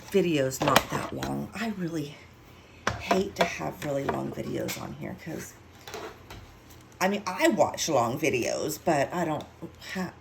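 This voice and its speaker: A woman's voice: deep voice, gravelly, very noisy. A woman giving a casual craft tutorial, chatty and self-mocking as she thinks aloud while working. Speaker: card-making demonstrator.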